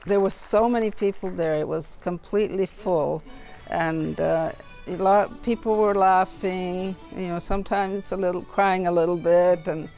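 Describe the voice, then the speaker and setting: An older interview guest from Nunavut in Canada, reflecting in a halting, thoughtful way with pauses and repeated words. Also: mid-range voice, fairly even intonation, darkish tone, faint music behind.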